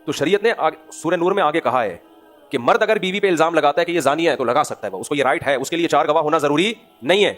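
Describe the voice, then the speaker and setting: A man with a Pakistani Urdu accent giving a religious lecture to an audience. He preaches with animation, pushing out emphatic rhetorical questions and then dropping into low asides. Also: lively intonation, a bit bright, faint music behind. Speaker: Islamic scholar giving a lecture.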